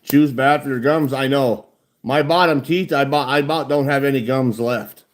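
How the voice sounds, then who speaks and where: Speaking at a moderate pace in a steady, medium-pitched voice, this American livestreamer in his 40s chats with viewers. He keeps it blunt and profane, with chewing tobacco tucked in his lip.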